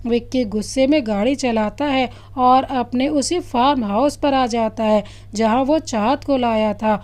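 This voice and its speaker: A woman storyteller reads a scripted love story aloud. Her voice is fairly high. She narrates in a steady, even way. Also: measured pace.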